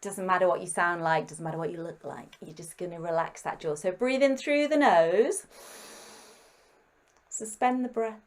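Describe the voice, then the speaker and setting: A woman singing teacher giving gentle, encouraging step-by-step breathing and vocal warm-up instructions. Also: on the low side, moderate pace.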